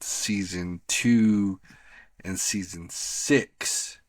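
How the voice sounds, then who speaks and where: A man's voice: low voice, steady tone, extremely slow, dry recording. A man co-hosting a podcast, talking casually about TV shows in a rambling, slangy, conversational way. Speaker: podcast co-host.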